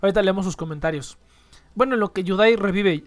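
A young woman with a Mexican accent talks in a loose, slang-heavy way, swearing often and ending lines with little questions. Her voice sits at an ordinary pitch and sounds close and dry. She is hosting a casual livestream chat and ranting. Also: a little fast, dry recording. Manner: slangy, swears freely, tags phrases with questions. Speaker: livestream host.

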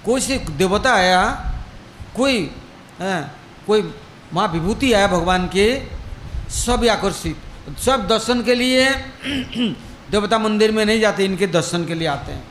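A man's voice: high-pitched, expressive, slow, a bit bright, a little hiss or hum. A male preacher telling a devotional story in a sermon, acting out the characters' dialogue as he goes. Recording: echoey room with faint ambience.

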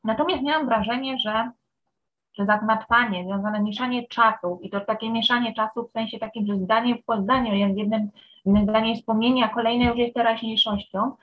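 A woman's voice: a little high, steady tone, brisk. A woman in a book club discussion, weighing a book's structure in long, thoughtful reasoning. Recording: muffled lo-fi sound.

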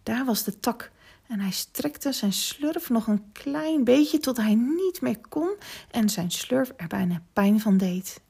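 Gentle, slightly gravelly woman storyteller. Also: on the high side, takes it slowly. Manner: gentle, expressive storytelling, sometimes dropping to a whisper. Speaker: storyteller and podcast host. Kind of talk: children's story narration.

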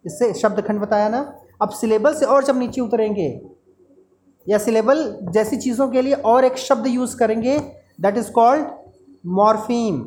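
A woman with a fairly high voice teaches a class in Hindi, slipping into terms. She explains patiently and asks rhetorical questions, repeating the key terms. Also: unhurried, a little mellow. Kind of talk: classroom lecture.

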